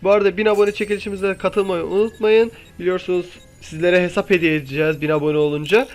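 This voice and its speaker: A man's voice: high-pitched, steady tone, fast talker, faint music behind. A young man giving casual gameplay commentary, impatiently pleading and coaxing the game as he plays. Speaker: gaming YouTuber.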